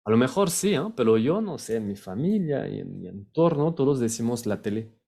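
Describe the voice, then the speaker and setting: A man's voice: medium pitch, very animated, brisk, creaky, dark tone. A man from France with a French accent, a native French speaker teaching a video language lesson, patiently repeating each word. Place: on camera, recording a video lesson.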